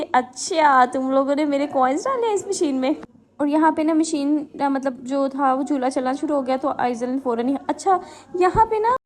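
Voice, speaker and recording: A young woman, a mother, chatting through a casual vlog voice-over with lots of fillers and friendly asides to viewers. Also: high voice. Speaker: family vlogger and mother.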